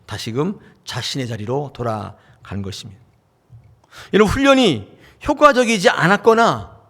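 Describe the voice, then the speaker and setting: A man preaching a sermon as pastor, talking in a conversational way, asking the congregation questions and acting out short dialogues. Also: on the high side. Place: church sanctuary.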